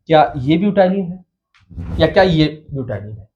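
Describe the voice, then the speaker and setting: A man's voice: a little high, lively intonation, darkish tone. A man teaching chemistry in a mix of Hindi and English, calling the students "bachcha" and asking questions he then answers himself. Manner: addresses students as "bachcha" and "babu", asks and answers own questions; counts carbons slowly while writing. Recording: dull lo-fi sound with faint noise.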